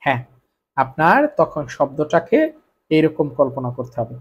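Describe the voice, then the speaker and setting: A man's voice: on the high side, normal speed, husky, lo-fi sound. A Bengali-speaking man teaching Korean spelling rules, repeating each point and answering his own questions. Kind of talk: explaining grammar rules to students.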